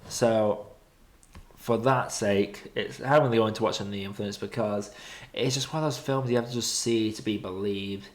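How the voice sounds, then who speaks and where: British man, lowish voice, blunt casual reviewer. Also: fairly even intonation, normal speed. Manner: blunt, opinionated, colloquial. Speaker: podcast host streaming film rankings. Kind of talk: casual film review commentary.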